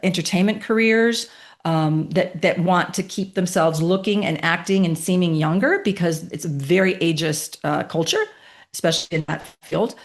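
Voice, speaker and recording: A woman in her late fifties, a podcast guest telling a personal story with emphatic, animated delivery and rhetorical questions. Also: on the low side, normal speed. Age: 50s.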